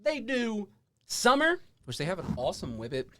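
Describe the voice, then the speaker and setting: Animated, effusive male podcast host. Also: sits high, moderate pace. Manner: effusive, repeats himself, swears casually. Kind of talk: casual chat with hyped announcer moments.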